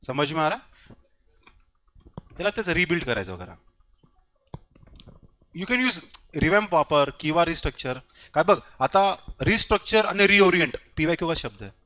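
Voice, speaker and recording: Bright-voiced man teaching a class. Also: a little high, sing-song, normal speed, pauses often. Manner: quizzes the class and repeats key points; switches between Hindi and English mid-sentence. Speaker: exam coaching teacher. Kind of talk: classroom lecture.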